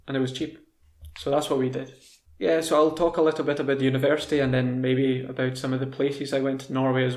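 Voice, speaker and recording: A young man with a Scottish accent, telling relaxed, rambling stories in casual style for English learners. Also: mid-range voice, creaky, echoey room. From Scotland. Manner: relaxed, rambling, with fillers and restarts. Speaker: language video host.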